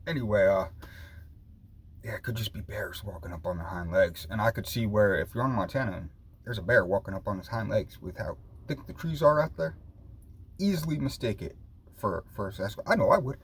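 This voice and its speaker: This vlogger speaks a little fast in a fairly low, expressive voice with a breathy edge. His loose, rambling talk to viewers is full of repetition, set against noticeable background noise.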